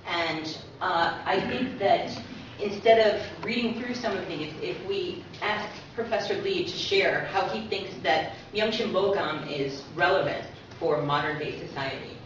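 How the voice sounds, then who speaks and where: Here a woman's lowish voice moves a little slowly but with hardly any pauses as she presents her book to an audience. Her conversational lecture includes small asides and read-out sayings. It was captured at a distance in an echoing community-centre talk room, so the sound is echoey, muffled and noisy.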